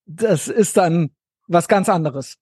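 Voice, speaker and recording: High-voiced chatty West German man. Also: slow, a little mellow, husky, no room sound. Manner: chatty, slangy, keeps adding tag questions. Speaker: podcast co-host. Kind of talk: casual political chat.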